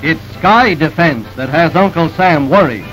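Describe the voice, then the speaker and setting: High-voiced man, old newsreel narrator. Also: animated, a bit bright, faint music behind, low-quality recording. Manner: brisk, emphatic announcer delivery.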